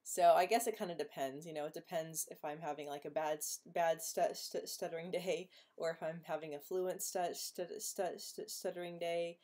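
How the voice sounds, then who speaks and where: In this casual live chat, a woman reads viewer comments and answers them, stuttering frequently with repetitions and blocks while laughing often. Her mellow voice sits on the low side, moving little in pitch, at a moderate pace with hardly any pauses.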